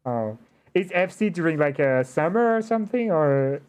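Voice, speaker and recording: A man hosting a casual conversational interview, talking in an animated but hesitant way with slightly unidiomatic phrasing. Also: a little high, normal speed, clean tone. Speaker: interview show host.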